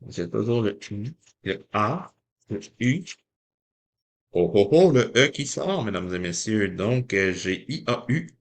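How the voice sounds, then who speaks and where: A man's voice: on the low side, lively intonation, measured pace. A man with a Québécois French accent, chatting casually to viewers as he scratches lottery tickets and reads the letters out one by one.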